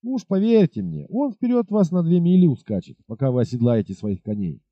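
A man reading aloud, voicing a burly village innkeeper who gives advice in a folksy, unhurried way. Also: fairly high pitch, sing-song, dry recording, pitched above the performer's own voice. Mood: unruffled. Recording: dull lo-fi recording.

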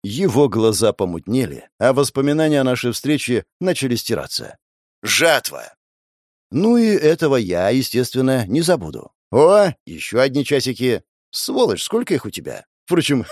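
A man's voice: mid-range voice, huge pitch swings, normal speed, darkish tone, dry recording, clean studio sound. A man narrating a first-person audiobook in a sardonic, mocking manner.

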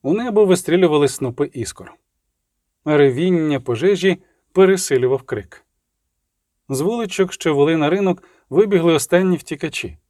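A man reading an audiobook in a steady, measured dramatic manner. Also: a little high, no room sound, clean studio sound. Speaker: audiobook narrator. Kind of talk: scripted audiobook narration.

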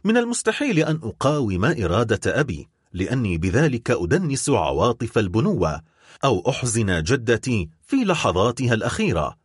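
A man's voice: mid-range voice, very animated, a little fast, breathy edge, dry recording, clean studio sound. A man reading an audiobook, voicing a grieving young noblewoman in love with a pleading, anguished manner. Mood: sorrowful.

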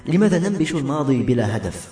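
Man doing a confused polite young guy, earnest questions, lively pitch, echoey room, soft music. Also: fast, lightly acted. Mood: puzzled. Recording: roomy echo with soft music.

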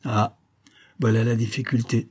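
A man's voice: medium pitch, flat delivery, unhurried, a little mellow, husky. A man voicing a chatty older village innkeeper who confides local gossip. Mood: gossipy.

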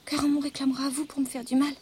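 An actress voicing a timid, gentle poor little girl in a radio drama, talking softly and pleadingly. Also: high voice, flat delivery, rapid-fire, a little hiss or hum, close to an everyday voice. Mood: fearful. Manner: soft, pleading, childlike.

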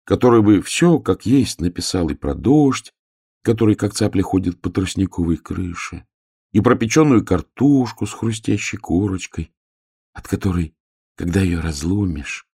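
A man reading a children's tale aloud as narrator, expressive and tender, with a husky voice. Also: sits low, normal speed, dry recording, clean studio sound.

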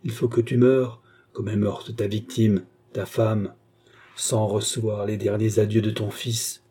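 A stern, implacable old soldier, performed by a man reading a novel aloud, speaking with contemptuous authority. The voice sits low and dark, with a husky grain. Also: flat delivery, unhurried. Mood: grim. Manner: harsh, commanding, contemptuous. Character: old vengeful former hussar servant, implacable.

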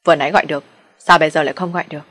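An anxious grown man, fretting aloud, as a woman acts him out. The voice is lowish and husky. An audio storybook telling. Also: fairly even intonation, rapid-fire, a bit bright. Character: worried adult man.

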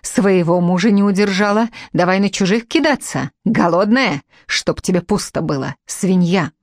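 A woman's voice: mid-range voice, animated, moderate pace, no room sound, studio quality, natural voice. A woman reading the part of a betrayed pregnant wife in an audiobook, furious and desperate.

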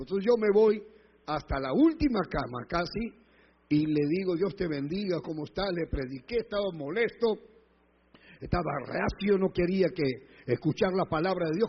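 A male pastor preaching a sermon with stories, rising to loud emphatic peaks. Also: high-pitched, husky. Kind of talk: sermon with anecdotes. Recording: muffled lo-fi hall recording.

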